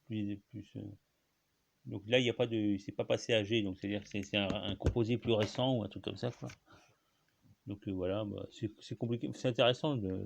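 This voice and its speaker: A man's voice: on the low side, gravelly, no echo. A man hosting a solo talk, explaining words in a hesitant, rambling way, full of fillers, restarts and coughs. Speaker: host.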